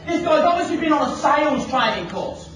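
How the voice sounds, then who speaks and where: A man giving an animated motivational seminar talk, firing rhetorical questions at a live audience. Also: very high voice, a little fast. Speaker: motivational speaker. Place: large hall with a live audience. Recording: echoey hall from far off, audience noise.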